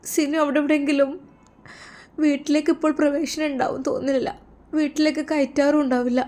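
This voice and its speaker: A woman's voice: sits high, little pitch movement, fairly quick, darkish tone, voice pushed up, lightly acted. A woman with a Malappuram Malayalam accent voicing a heartbroken young woman who pleads tearfully. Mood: pleading. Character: heartbroken young wife, loyal sister.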